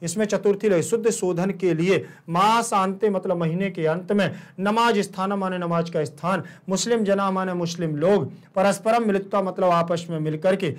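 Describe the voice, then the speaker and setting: Man, teacher, high voice, Hindi accent, step-by-step explaining, often checks in with listeners. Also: normal speed, hardly any pauses. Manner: explains step by step, repeats terms, asks and answers own questions. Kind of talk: recorded online lesson.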